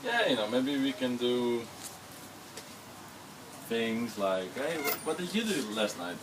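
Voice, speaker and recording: A man's voice: mid-range voice, big pitch swings, slow pace. Playful man chatting over heavy rain. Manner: playful joker, bursts into loud laughing quotes. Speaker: travel companion. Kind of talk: casual banter. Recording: rain noise outdoors.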